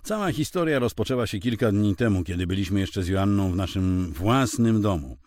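Expressive low-voiced male audiobook narrator. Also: fairly quick, no echo, clean studio sound. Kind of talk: first-person crime audiobook narration.

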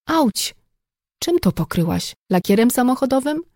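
A woman voicing a flustered woman teacher who talks in a hurried, breathless way. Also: medium pitch, expressive, mellow, dry recording, studio quality. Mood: pained. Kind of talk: audiobook character voice.

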